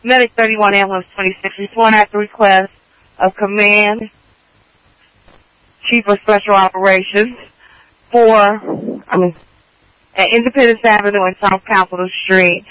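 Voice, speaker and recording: Over a muffled, dry radio link, a male dispatcher relays units, addresses, and times in clipped codes. His voice sits high with fairly even intonation, normal speed, and long pauses, and there's no echo.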